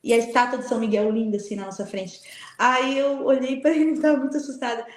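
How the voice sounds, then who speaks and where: A middle-aged woman from Brazil, a guest telling a spiritual testimony in an animated way and acting out the dialogue. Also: on the high side, fast. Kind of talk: spiritual testimony in a live chat. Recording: echoey room.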